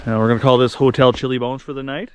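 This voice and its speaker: A man's voice: mid-range voice, fairly even intonation, fast talker. A man hosting a hiking vlog, talking casually to the camera outdoors. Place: outdoors in winter mountains. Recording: faint noise, outdoor camera audio.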